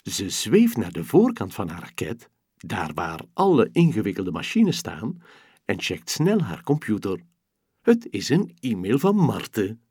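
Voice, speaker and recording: A man narrating a children's bedtime story slowly and expressively. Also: on the low side, breathy edge, dry recording, studio quality. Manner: slow, expressive, gentle storytelling.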